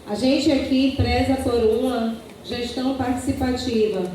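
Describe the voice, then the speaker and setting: Measured woman speaking in a reverberant hall. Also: fairly high pitch, fairly even intonation, dark tone, slight background noise. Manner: measured, formal, with frequent "né" tags. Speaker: campus director candidate. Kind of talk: debate opening statement. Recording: echoey room, voice picked up from far off.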